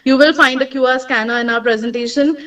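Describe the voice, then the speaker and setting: A young woman from India with an Indian accent, presenting her startup earnestly and warmly over a remote link. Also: sits high, steady tone, fast talker, far from the mic. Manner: earnest, heartfelt. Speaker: startup co-founder.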